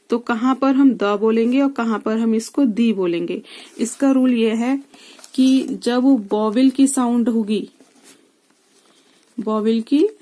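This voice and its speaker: A woman with a fairly high, warm voice teaches English grammar in a classroom, walking her students through the rules step by step. She writes on a board and asks them questions as she goes.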